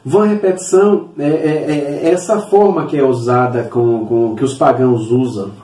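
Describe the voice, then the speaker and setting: A man teaching a Sunday school Bible lesson, earnest and repetitive, with halting fillers as he works through his points. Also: medium pitch, steady tone, mellow. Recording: echoey room, mic at a distance.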